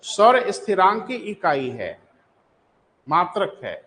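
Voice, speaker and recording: High-pitched Hindi teacher lecturing. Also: male voice, wildly swooping pitch, slow pace, a bit bright, poor audio. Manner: calls students "beta", asks and answers his own questions. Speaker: geography teacher. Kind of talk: live online class lecture.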